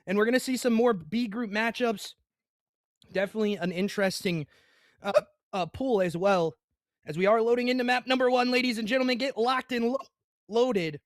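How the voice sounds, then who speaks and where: Young guy doing esports play-by-play, kinda high voice, dead dry sound, hiccuping n saying sorry to chat. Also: dry recording. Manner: hiccuping, apologetic asides to chat. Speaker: esports caster. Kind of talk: play-by-play commentary.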